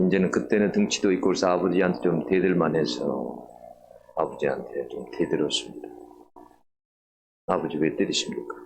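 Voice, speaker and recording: A middle-aged man preaching a sermon, telling a personal story earnestly and rising higher and louder to stress key points. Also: slight background noise. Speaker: pastor. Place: church sanctuary.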